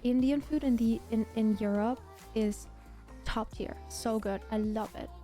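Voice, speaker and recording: This woman, German by birth and native language and raised in Berlin, talks casually to her livestream audience at a slightly slow pace. Her somewhat high voice is very mellow and soft, her delivery effusive and emphatic with frequent repeats, and faint music can be heard in the background.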